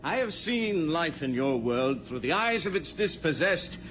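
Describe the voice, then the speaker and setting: An actor playing a proud exiled undersea prince, speaking formally and solemnly in a radio drama. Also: male voice, a little high, big pitch swings, unhurried, a bit bright, a little hiss or hum. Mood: haughty, solemn. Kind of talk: 1990s radio drama acting. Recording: music under the dialogue.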